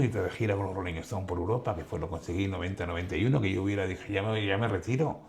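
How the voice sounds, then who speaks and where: Gravelly older Spanish storyteller. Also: male voice, on the low side, slight background noise. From Spain. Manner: animated storyteller acting out quoted dialogue. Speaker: guest photographer. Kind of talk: casual conversation.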